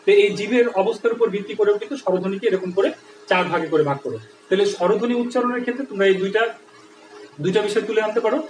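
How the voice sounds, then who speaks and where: Quick high-voiced male teacher. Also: darkish tone, echoey room, recorded from a distance, a little hiss or hum, rough recording. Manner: explanatory, with frequent checks like "right?". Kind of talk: online Bangla grammar lesson.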